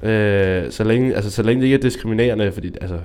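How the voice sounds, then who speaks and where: A man's voice: lowish voice, darkish tone, clean tone. A man hosting a casual chat, musing and rambling as he thinks aloud. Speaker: host.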